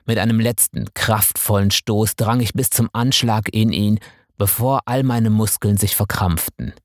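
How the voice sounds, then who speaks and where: A man calmly reading a first-person story aloud in measured scripted narration. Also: lowish voice, dry recording, studio quality. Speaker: audiobook narrator.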